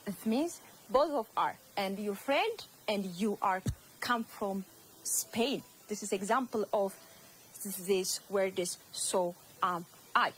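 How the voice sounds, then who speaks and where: Slow-speaking woman teacher with Ethiopian accent. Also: medium pitch, expressive, a bit bright, a little hiss or hum, poor audio. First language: Amharic. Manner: slow, repeats words, addresses students. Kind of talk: classroom English lesson.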